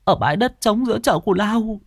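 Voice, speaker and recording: A man voicing a scheming young servant woman who wails and whimpers in a high, put-on voice. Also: lively intonation, fairly quick, no echo, clean studio sound. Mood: fake sobbing. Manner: wailing, whimpering, high-pitched.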